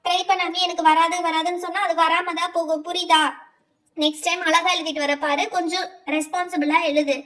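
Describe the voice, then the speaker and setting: Nagging, lecturing doll-show teacher, played by a woman, shrill and off-mic. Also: level tone, fairly quick, sharp tone, recorded from a distance. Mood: scolding. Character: strict scolding female schoolteacher. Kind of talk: doll-play voice acting.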